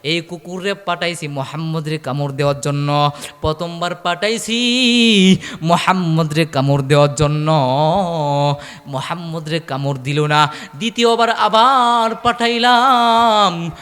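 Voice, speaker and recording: A man preaching voices an angry male dog owner who scolds his dog with drawn-out, rising calls. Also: fairly high pitch, steady tone, fairly bright tone, clear, resonant tone, in a large hall. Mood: puzzled.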